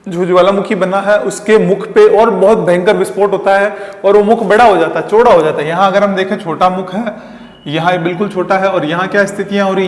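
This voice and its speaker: Male teacher, high voice, long hall reverb; explains step by step, answers his own questions. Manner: draws diagrams while talking. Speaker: geography teacher. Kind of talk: classroom lecture. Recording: echoey, reverberant room.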